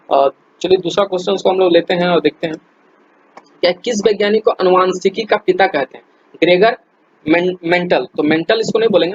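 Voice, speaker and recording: Chatty and loose like a friendly tutor, a male teacher works through quiz questions in a casual explainer, calling viewers his friends and often restarting sentences amid plenty of fillers. His voice is a little high, husky and a little mellow, on a dull, lo-fi recording.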